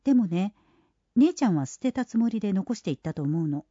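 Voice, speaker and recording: A reader voicing a weary, resigned young woman who speaks in a plaintive, quietly sulky way in an audiobook. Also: mid-range voice, lively intonation, fairly quick, breathy edge, dry recording, lo-fi sound, pitched above the performer's own voice.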